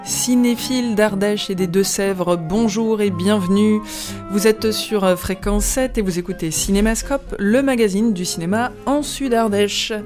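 A woman hosting a radio film magazine in a studio, relaxed, with fillers and self-corrections. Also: mid-range voice, unhurried, faint music behind. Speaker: radio host.

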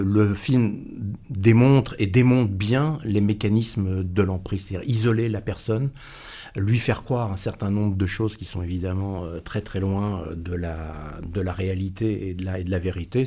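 Mellow-voiced man critic, earnest. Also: low voice. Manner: earnest, with hesitations and repeated words. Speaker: film critic. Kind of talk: radio film review. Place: radio studio.

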